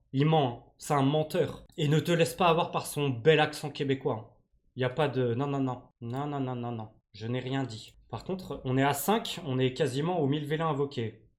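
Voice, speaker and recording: A man's voice: medium pitch, a little mellow. A man from France streaming a game live, chatting with his viewers in slangy, joking banter. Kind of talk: live-stream gaming commentary.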